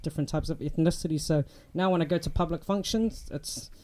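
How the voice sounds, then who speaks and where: This young New Zealander, his voice on the high side and his pace fairly quick, is a guest in an informal interview. He sounds relaxed, frequently pausing with um and restarting what he says.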